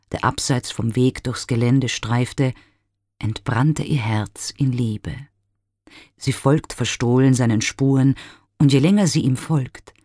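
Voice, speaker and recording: A man giving a measured, expressive scripted narration of a classical myth. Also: mid-range voice, no echo, studio quality.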